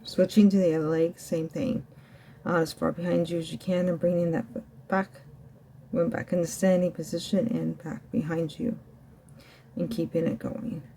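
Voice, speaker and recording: A woman's voice: lowish voice, flat delivery, moderate pace, vocal fry, warm tone, a little hiss or hum. A woman working as a fitness instructor, coaching a home ab workout while demonstrating the floor exercises herself. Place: indoors at home.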